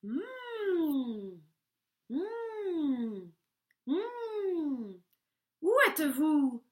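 A woman's voice: very animated, very slow, exaggerated voice. A woman doing a whiny old sly wolf. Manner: sly humming, then high pleading whine.

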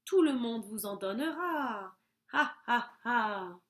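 A woman voicing a scheming, bossy old witch in a storybook, with a cackling, drawn-out delivery. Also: on the high side, lively intonation, heavy background noise.

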